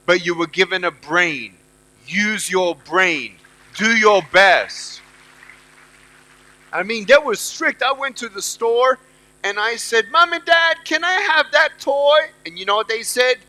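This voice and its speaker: A man's voice: high voice, slow pace, pushed and bright, rough recording. A middle-aged man giving a motivational speech to students at a university event. He talks emphatically and repeats his key phrases. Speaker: motivational speaker.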